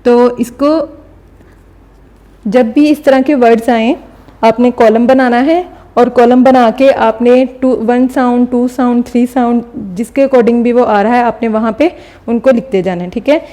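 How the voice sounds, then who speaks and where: A woman teacher explaining a recorded lesson step by step, often pausing to check understanding. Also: fairly high pitch, mellow. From Pakistan. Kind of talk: recorded classroom lecture.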